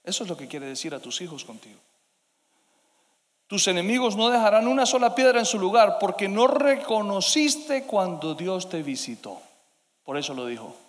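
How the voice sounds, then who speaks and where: High-voiced preacher in a reverberant hall. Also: male voice, sing-song, normal speed. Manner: dynamic preaching, swinging between loud emphasis and hushed asides. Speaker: pastor. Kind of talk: sermon.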